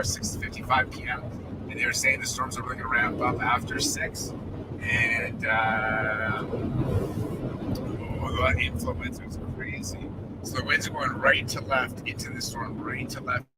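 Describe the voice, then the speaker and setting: A man's voice: medium pitch, little pitch movement, unhurried. A man giving casual, hesitant live commentary as a storm chaser on a livestream, thinking aloud as he goes. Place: in or beside a vehicle out in the field. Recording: distant mic, loud wind and vehicle noise.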